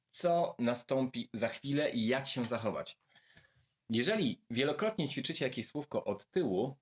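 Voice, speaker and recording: A man giving a video lesson, speaking directly and warmly to his viewers and slowly repeating words to show how to pronounce them. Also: mid-range voice. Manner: friendly, addresses viewers directly. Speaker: language teacher.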